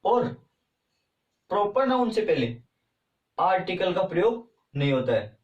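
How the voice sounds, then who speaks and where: A man's voice: sits high, sing-song, measured pace. A man with an Indian accent teaching a grammar lesson, often asking questions and answering them himself. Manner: repetitive, asks and answers own questions. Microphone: far from the mic. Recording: roomy, distant, dull sound.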